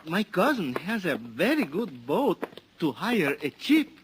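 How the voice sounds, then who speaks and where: Botones mexicano charlatán. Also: male voice, fairly high pitch, big pitch swings, unhurried. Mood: wheedling. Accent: Mexican Spanish. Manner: eager, wheedling salesman patter. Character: cheerful hustling Mexican hotel bellboy. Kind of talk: 1950s radio drama acting. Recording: hissy old radio recording.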